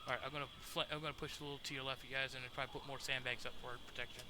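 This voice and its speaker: A man's voice: medium pitch, little pitch movement, very fast. A man chatting casually and tactically as a player in a military game squad, using radio jargon and some swearing. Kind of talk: casual tactical chat during online gameplay. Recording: noisy game voice chat.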